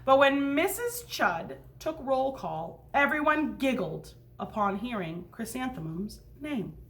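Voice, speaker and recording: A woman's voice: fairly high pitch, big pitch swings, measured pace, a little hiss or hum. A woman teacher reading a picture book aloud to young children, explaining things and checking in with questions. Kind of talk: read-aloud storytime with asides to children.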